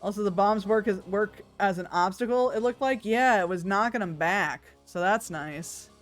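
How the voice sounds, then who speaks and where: A woman's voice: mid-range voice, normal speed. Playful woman streaming a video game. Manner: playful, wry, sweary. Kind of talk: casual chatty game commentary. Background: music.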